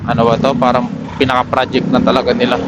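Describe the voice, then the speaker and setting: This vlogger talks fast in a flat, medium-pitched monotone, and the recording sounds muffled. He keeps up casual, off-the-cuff commentary while on his motorcycle in the city, with a helmet intercom mic catching clear traffic and street noise.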